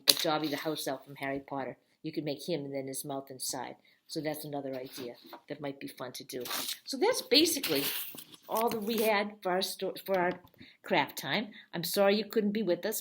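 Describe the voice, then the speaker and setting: Low-voiced woman explaining a craft. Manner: friendly, step-by-step demonstrating. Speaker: children's librarian. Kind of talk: craft tutorial.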